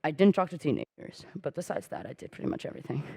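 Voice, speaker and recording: Her voice is very animated, quick, creaky, dark, and slightly rough, captured in studio quality with no room sound. She's a young adult conference speaker whose first language is Portuguese, giving a candid, self-mocking talk, swearing casually and acting out quoted conversations with jumps in pitch.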